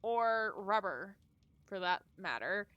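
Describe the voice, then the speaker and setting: A woman's voice: medium pitch, lively intonation, slow, no echo, muffled recording. A woman streamer chatting casually and rambling while playing and reading a game. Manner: chatty, rambling, laughs often. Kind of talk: casual live-stream chat.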